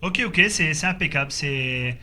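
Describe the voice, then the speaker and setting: In this casual radio contact chat, an amateur CB operator recording the group contact speaks at normal speed in a slightly high voice. A crowd can be heard behind him along with faint background noise, and he repeats his phrases in a hesitant, agreeable way.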